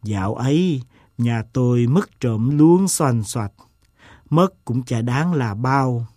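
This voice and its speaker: A man voices an eccentric gentleman in a storybook reading. He tells his tale slowly and deliberately, with a self-mocking tone. The sound is close and dry. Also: mid-range voice, animated, no echo. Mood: wry.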